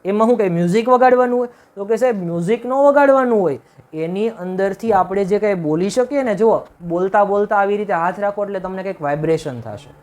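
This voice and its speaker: A man's voice: high-pitched, fast, a little mellow. A male teacher gives a classroom-style video lesson. He keeps asking questions and answering them himself, and often checks with "right?". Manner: repetitive, emphatic, checks with "right?".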